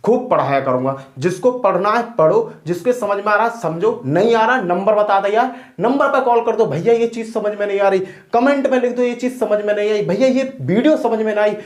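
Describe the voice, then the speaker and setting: Loud chatty man teaching math. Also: sits high, a little fast. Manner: loud and colloquial, playful asides. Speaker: math teacher for police exams. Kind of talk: energetic coaching lesson. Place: standing at a board in a room. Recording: echoey room.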